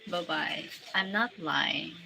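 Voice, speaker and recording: A Filipino woman in her forties chats casually on a live stream, greeting viewers, reading out their comments, and thanking them one by one. Her voice is lowish, slow, and gravelly, and there is loud background noise.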